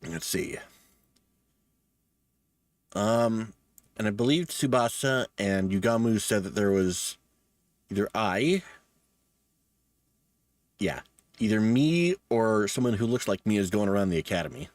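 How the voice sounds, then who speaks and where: A man's voice: on the low side, lively intonation, measured pace, long pauses, dry recording. A man hosting a let's play, casually commenting with sweary, wry asides and reading game text aloud.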